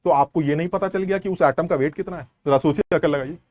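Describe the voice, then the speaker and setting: A man's voice: fairly high pitch, fast talker, a little mellow, dry recording. A man teaching a chemistry lesson online, explaining step by step and quizzing students with rhetorical questions. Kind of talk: online class lecture.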